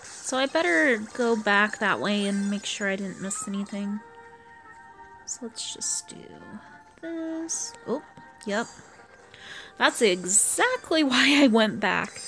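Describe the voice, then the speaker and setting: A worn-out woman from the US East Coast hosts a gaming video, chatting casually and thinking out loud while she plays. Her mid-range, slightly bright voice moves slowly with lively intonation, and the poor-quality audio has video game music behind it.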